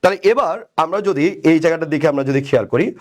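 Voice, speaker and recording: A man's voice: on the high side, quick pace, a little mellow. Chatty Bangladeshi man teaching grammar. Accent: Bangladeshi Bengali. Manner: conversational, asks and answers his own questions, repeats "right?"; banters with commenters by name. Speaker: English teacher. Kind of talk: live online grammar class.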